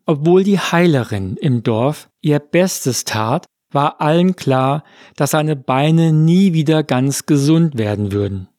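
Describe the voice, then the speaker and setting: A man narrating a fable in a calm, deliberate storytelling reading. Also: fairly high pitch, dry recording, clean studio sound.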